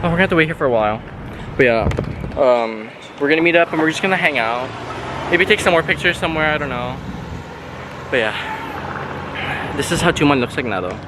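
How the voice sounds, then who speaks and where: A young man walks a city street vlogging casually with a handheld camera, rambling, swearing and poking fun at himself while music plays behind him. His voice is a little high and expressive, moving a little fast with long pauses amid background noise.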